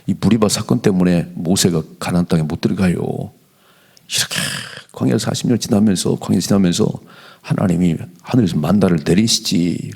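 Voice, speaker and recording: A middle-aged male pastor giving an animated dawn prayer sermon in a church, slowing down whenever he reads scripture aloud. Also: low-pitched, vocal fry, husky. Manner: animated preaching, slows to read scripture aloud. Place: church sanctuary.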